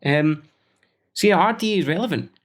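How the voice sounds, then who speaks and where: A man's voice: sits high, animated, brisk. A man hosting a solo podcast, thinking aloud with many fillers and self-corrections as he talks through fight matchups. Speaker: podcast host.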